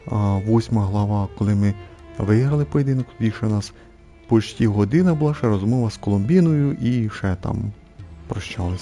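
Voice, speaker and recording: A young man casually commenting on a game he just played, complaining at length, repeating himself and filling pauses with hesitations. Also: fairly low pitch, mellow. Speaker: gameplay streamer.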